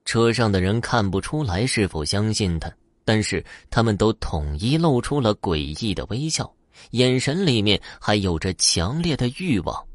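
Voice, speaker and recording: A man with a low voice reading a ghost story aloud in a dramatic style. His intonation rises and falls a lot to build suspense. The recording is close and dry, with no room sound. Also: dry recording. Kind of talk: scripted ghost story narration.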